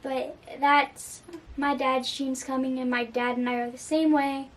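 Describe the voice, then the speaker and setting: A woman's voice: high-pitched, flat delivery, unhurried, distant mic. A young woman talking earnestly about a song in a casual reaction video, with frequent fillers. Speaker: music reaction vlogger.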